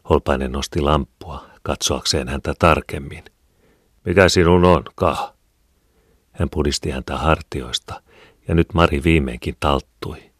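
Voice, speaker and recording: A man reading a classic novel aloud as an audiobook narrator, calm and measured. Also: very deep voice, breathy edge, dry recording, studio quality. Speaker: audiobook reader.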